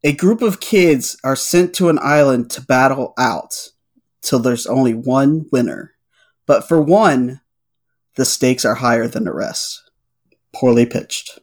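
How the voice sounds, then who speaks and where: A man co-hosting a casual podcast, playful and quick to laugh. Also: medium pitch. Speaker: podcast co-host.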